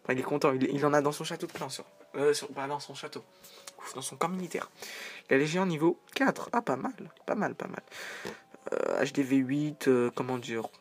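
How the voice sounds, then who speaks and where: A man's voice: mid-range voice, fairly quick. A man giving casual, joking commentary over a video game, rambling into side remarks. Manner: chatty, joking, rambling asides.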